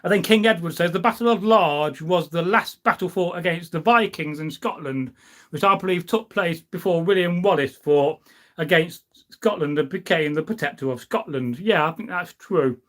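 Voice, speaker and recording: At a moderate pace and with a fairly bright tone, a middle-aged man hosts a relaxed live stream, his voice pitched slightly high for a man. A history enthusiast, he reads and answers viewer comments while rambling through informal anecdotes as though chatting with his audience.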